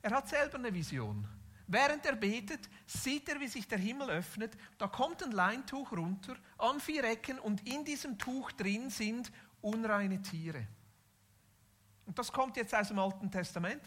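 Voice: mid-range voice, lively intonation, normal speed, fairly bright tone, slightly rough. A preacher retelling a Bible story in casual everyday speech, with modern asides.

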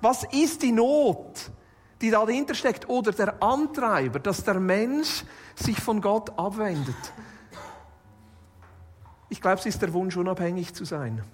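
A woman's voice: mid-range voice, lively intonation, a little slow, pauses often. A woman preaching a sermon in a conversational tone, with light jokes and points built by repeating and restating phrases. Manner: builds points by listing and restating.

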